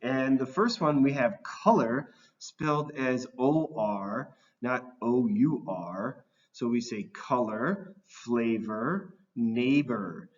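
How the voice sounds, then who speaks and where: A relaxed American teacher walks through spellings at an unhurried, slow pace. His explanatory delivery stays even and patient. The recording sounds dull and lo-fi. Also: medium pitch. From United States. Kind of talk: educational video narration.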